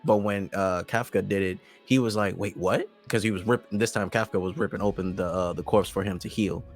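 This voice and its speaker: Guy cohosting an anime podcast, rambly, keeps restarting sentences, mid pitch, faint music under it. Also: fairly even intonation, fairly quick. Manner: rambling, many restarts and fillers. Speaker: podcast co-host. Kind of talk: casual chat.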